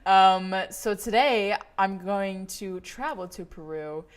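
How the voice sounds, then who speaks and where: Speaking slowly in a mid-range voice, a young American woman hosts a travel livestream. She rambles in a casual, chatty monologue, telling stories in a relaxed way and dropping in lots of fillers and small laughs.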